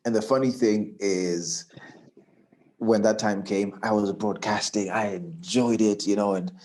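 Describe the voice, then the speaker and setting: A man working as a radio announcer, telling stories from his career in a casual interview, often repeating words as he starts. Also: unhurried. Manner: animated storyteller, acts out quoted voices higher and louder.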